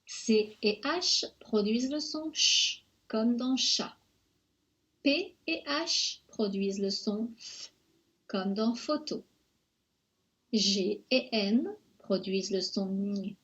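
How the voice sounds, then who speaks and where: A woman narrating a French pronunciation lesson in a slow, careful, over-articulated way. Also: mid-range voice, highs cut off.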